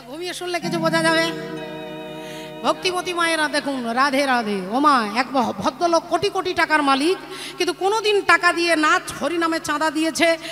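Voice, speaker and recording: High-voiced woman kirtan preacher. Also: big-room sound. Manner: preaching story in half-sung cadence, addresses the audience directly. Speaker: kirtan singer. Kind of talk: devotional kirtan storytelling. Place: live outdoor kirtan pandal. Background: kirtan music with tabla.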